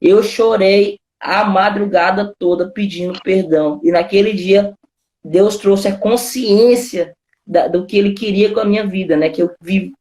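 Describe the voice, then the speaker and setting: A man's voice: high-pitched, steady tone, measured pace, darkish tone, roomy sound. A man with a Brazilian accent, a pastor, telling his testimony in a casual conversation, full of informal fillers. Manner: informal storytelling, constant "cara" and "né" fillers.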